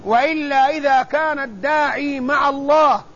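A male preacher delivering a religious sermon in a slow, measured way, with solemn repetition. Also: extremely high pitch, a bit bright. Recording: dull lo-fi recording with faint noise.

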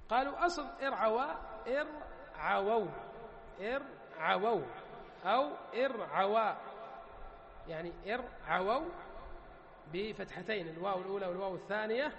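High-voiced man teaching in echoey hall. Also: animated, a bit bright, muffled recording, a little hiss or hum. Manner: drills words slowly, asks and answers himself. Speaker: Arabic grammar teacher. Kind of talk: classroom lecture on morphology.

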